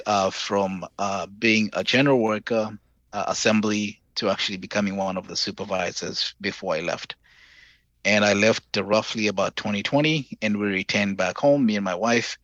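Low-voiced Zambian man on a dull call. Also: fairly bright tone, dry recording. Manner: earnest, measured, hesitant with fillers. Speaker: podcast guest. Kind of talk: remote interview over video call. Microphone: video call.

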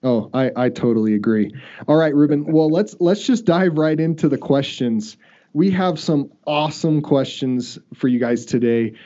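A man hosts a relaxed podcast chat and talks in a loose, rambling way, often restarting his sentences. His voice is mellow and dark. The audio is dull and lo-fi. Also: on the high side, moderate pace. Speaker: podcast host.

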